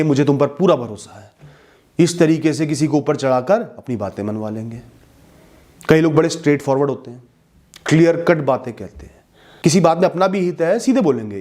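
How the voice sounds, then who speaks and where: A man giving earnest motivational advice to his listeners, speaking directly and warmly in a steady advice-giving talk. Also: mid-range voice. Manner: earnest advice-giving, mixing English words into Hindi.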